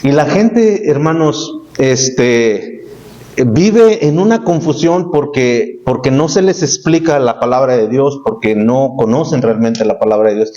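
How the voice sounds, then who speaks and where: A man's voice: mid-range voice, unhurried, dark tone. Man preaching a casual Spanish sermon, lo-fi. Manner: plain conversational preaching, rising emphasis with repetitions. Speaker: pastor. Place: church sanctuary. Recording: dull lo-fi church recording.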